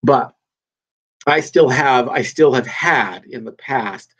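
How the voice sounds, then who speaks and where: In a slow, husky, medium-pitched voice with a fairly bright tone, a man hosts his own podcast on poor audio. The casual solo monologue is unplanned, emphatic, and rambling, packed with fillers and restarts. He sounds a little congested and nasal, thanks to a cold.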